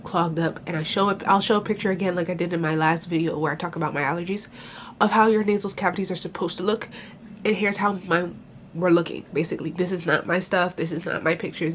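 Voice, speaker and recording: A woman's voice: on the low side, steady tone, fast talker, a little hiss or hum. A young adult woman with a congested, blocked-nose sound, talking candidly and informally in a casual personal vlog, complaining with some mild swearing. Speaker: vlogger.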